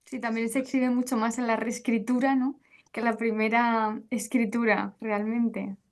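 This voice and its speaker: A woman's voice: a little high, flat delivery, measured pace. A woman co-moderating an online book talk over a video call, offering brief interjections and follow-up remarks.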